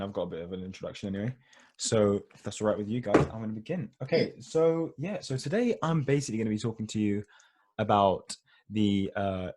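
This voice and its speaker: A young Egyptian dental student runs a casual online interview webinar, talking students through tips over a video call on a computer mic. His fairly low, slightly mellow voice is chatty and informal, packed with fillers like "like" and "you know".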